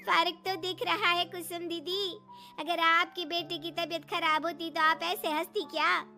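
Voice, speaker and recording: A woman voicing a worried, bitter aunt in an animated story, speaking reproachfully. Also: extremely high pitch, unhurried, soft background music, voice pushed up, heavily acted.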